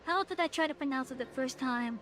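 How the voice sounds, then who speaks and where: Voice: sits high, brisk, a bit bright, soft background music. A streamer talking casually through an AI voice changer that makes them sound like a woman, often stumbling over words and restarting sentences. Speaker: game streamer. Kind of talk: casual livestream chat while playing.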